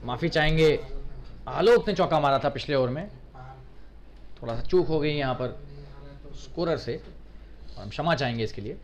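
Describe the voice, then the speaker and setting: A man's voice: medium pitch, normal speed, pauses often. A man giving live cricket commentary, reporting the score and describing each delivery.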